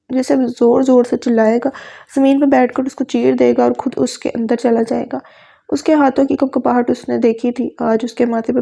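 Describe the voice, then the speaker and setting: A woman narrating a romantic audio novel in a steady reading voice. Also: on the high side, creaky.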